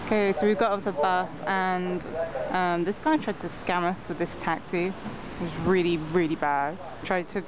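A woman's voice: on the low side, steady tone, moderate pace, lo-fi sound, background noise. Chatty young woman vlogging. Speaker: travel vlogger. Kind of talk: casual travel vlog.

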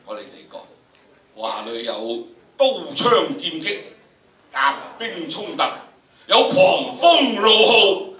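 In a large indoor lecture room, an older man with a Hong Kong Cantonese accent teaches drama, addressing his students head-on and performing dramatic recitations as examples. His high, bright, pushed voice is very animated yet slow, and his lecturing is theatrical and emphatic. The distant recording is noisy and echoes through the hall.

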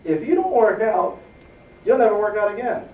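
A middle-aged man gives a motivational fitness seminar to a live audience. He is energetic and keeps checking in with the crowd. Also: high-pitched, normal speed, phone-quality sound. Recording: echoey room, distant mic.

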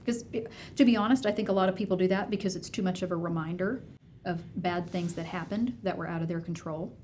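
A woman's voice: on the low side, quick pace, a little mellow, slight background noise. Engaged woman therapist analyzing behavior. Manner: engaged, analytical, frequent affirmations. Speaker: mental health therapist. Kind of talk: casual podcast conversation.

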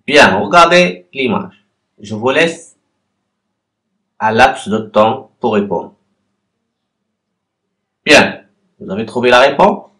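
A man teaching a class, guiding learners through written exercises with deliberate pauses and spelled-out syllables. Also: medium pitch, lively intonation, sharp tone. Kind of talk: slow, patient classroom exercise walkthrough.

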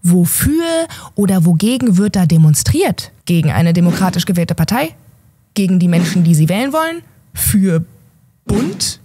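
A young woman hosts an opinion show from a home studio with a gaming chair, delivering sarcastic, emphatic commentary into a desk mic. Her voice sits on the low side, warm and slightly rough, with big pitch swings at a normal speed.

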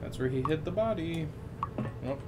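A young man streaming horror games, joking, swearing and yelling in reaction to scares. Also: on the high side, lively intonation, moderate pace, very noisy. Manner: jokey, jumpy, swears, yells at scares. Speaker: gaming streamer. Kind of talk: casual horror game commentary.

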